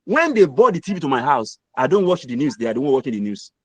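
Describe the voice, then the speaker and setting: A man's voice: mid-range voice, sing-song, fast talker, dry recording. A middle-aged man with a Nigerian accent, giving an emphatic, repetitive motivational mentoring talk. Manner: emphatic, repetitive, preacher-like delivery. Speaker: guest mentor speaker.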